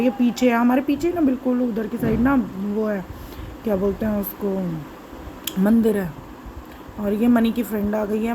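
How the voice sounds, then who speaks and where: A woman vlogger with a hoarse, sore throat, chattily narrating her home footage and often correcting herself as she rambles. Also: a little high, mellow, slight background noise, poor audio.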